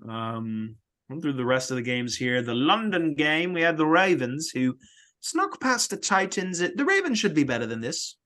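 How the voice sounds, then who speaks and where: A man's voice: fairly high pitch, sing-song, moderate pace, a bit bright. A young man co-hosting a sports podcast, talking casually and joking, often trailing off into fillers. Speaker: podcast co-host.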